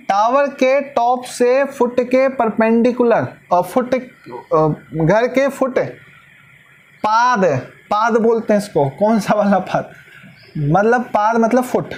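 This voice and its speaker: A man teaching maths in a casual way, giving advice to students like an older brother and repeating words for emphasis. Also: extremely high pitch.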